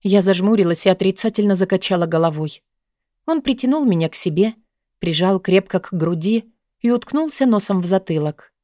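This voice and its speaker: A woman narrating an audiobook in the first person, with an even, measured reading. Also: medium pitch, dry recording, studio quality.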